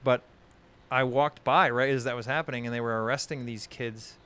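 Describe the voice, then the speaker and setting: A man's voice: medium pitch, steady tone, normal speed, bright, forceful tone, clean tone. A man who hosts a podcast, talking in a casual discussion stream, heated and exasperated, swearing often and rambling with many restarts. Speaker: podcast host.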